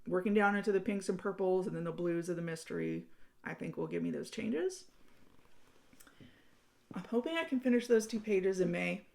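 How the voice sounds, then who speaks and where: A woman with a somewhat low, gravelly voice that has plenty of fry. She hosts her own hobby channel and talks in a casual, friendly way, with a few ums as she goes through her updates. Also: moderate pace, pauses often, darkish tone. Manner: chatty and friendly, with frequent ums. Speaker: cross-stitch channel host. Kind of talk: casual vlog progress update.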